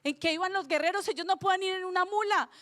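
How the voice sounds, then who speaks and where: A woman's voice: very high-pitched, fast talker. A woman preaching a sermon in Spanish, retelling a story dramatically and voicing its characters. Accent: Latin American Spanish. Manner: dramatic, acts out the characters' lines. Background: soft music.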